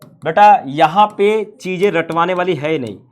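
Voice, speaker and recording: A man's voice: on the high side, unhurried, darkish tone. A man teaching a science class, playful and full of rhetorical questions to his students.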